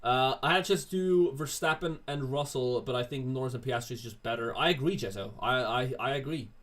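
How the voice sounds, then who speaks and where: Fairly quick and fairly bright, the mid-range voice belongs to a laid-back man from Sweden. He's hosting a livestream, going through viewers' questions in chat and responding casually.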